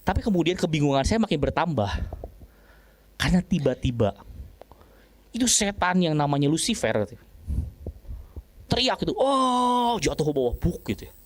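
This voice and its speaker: A man's voice: fairly high pitch, big pitch swings, brisk, long pauses. A male pastor telling a story in a sermon, often turning to his listeners and acting out voices and sound effects.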